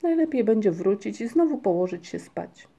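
A woman's voice: mid-range voice, big pitch swings, moderate pace, gravelly, mellow, breathy edge, muffled recording, exaggerated voice. A woman voicing a fussy, timid male creature who frets and complains. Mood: fretful grumbling. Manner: anxious and complaining.

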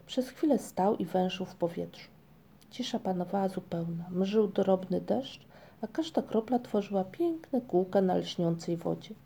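A woman narrating a children's storybook in a calm, measured, gentle manner. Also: medium pitch, vocal fry, slightly rough. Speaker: audiobook narrator.

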